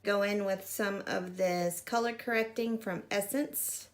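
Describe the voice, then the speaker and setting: Sitting in front of a gray curtain in a small room, a woman in her mid-thirties talks through her makeup routine for a fixed camera at arm's length. She's chatty and self-deprecating with lots of little asides, and her medium-pitched voice has a gravelly fry, a steady tone and an unhurried pace.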